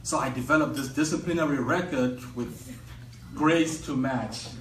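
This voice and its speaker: A young man from Zimbabwe with a Zimbabwean accent, telling a personal story on stage at a live event in a measured, reflective way with frequent pauses. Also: mid-range voice. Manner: measured, reflective, pausing often. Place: event venue with an audience. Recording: echoey room, distant mic, faint noise.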